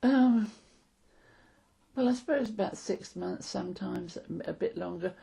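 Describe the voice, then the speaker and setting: An old woman in her eighties with a London accent and a husky, gravelly voice, reminiscing casually in a plain, matter-of-fact way. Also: medium pitch, lively intonation, moderate pace, mellow. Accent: London English. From London, England. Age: 80s. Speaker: interviewee. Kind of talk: casual reminiscence of wartime childhood.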